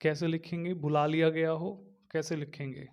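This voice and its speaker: Slow, repetitive male lecturer, fairly high. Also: level tone, lo-fi sound. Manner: slow and repetitive, dictating notes while writing; explains step by step, with frequent fillers. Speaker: teacher. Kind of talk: exam-prep lecture.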